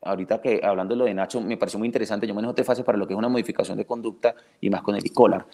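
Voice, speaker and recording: Low-voiced Colombian dog trainer, animated. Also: male voice, racing. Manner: animated, full of restarts, acts out owners and dogs. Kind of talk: podcast interview, explaining at length. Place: his dog training school.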